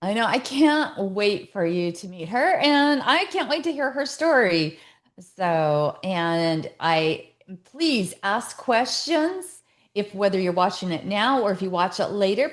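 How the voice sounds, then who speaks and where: A woman's voice: medium pitch, very animated, measured pace. A woman hosting a podcast, chatty and enthusiastic as she welcomes listeners and asks questions. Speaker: podcast host.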